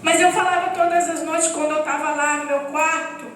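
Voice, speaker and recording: A woman's voice: high voice, steady tone, brisk, fairly bright tone, slight background noise. A woman giving an earnest, emotional personal testimony to a church congregation. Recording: echoey hall, distant mic, faint music.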